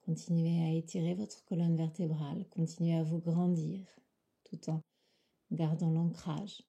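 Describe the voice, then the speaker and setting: Guiding relaxation as a yoga nidra teacher, this woman speaks with a voice that is very dark and mellow, sitting on the low side. Her delivery is unhurried, calm and soothing, extremely breathy, frequently sliding into near-whisper.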